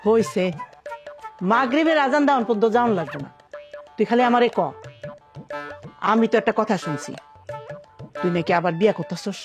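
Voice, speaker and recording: A woman's voice: on the high side, expressive, normal speed, long pauses, music in the background, natural voice. A woman playing a nagging suspicious mother. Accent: Bangladeshi Bangla dialect. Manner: nagging, questioning.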